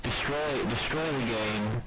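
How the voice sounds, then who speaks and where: An actor playing a nervous man speaking from inside a corrupted game, halting and stumbling over his words, recorded with loud background noise. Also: medium pitch, natural voice.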